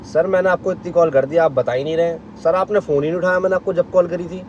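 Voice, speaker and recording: A man's voice: on the high side, fairly even intonation, fast talker, a little mellow, lo-fi sound, slight background noise, close to an everyday voice. A man mimicking a nagging male service-center staffer who pleads in a whiny, repetitive way. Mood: pleading.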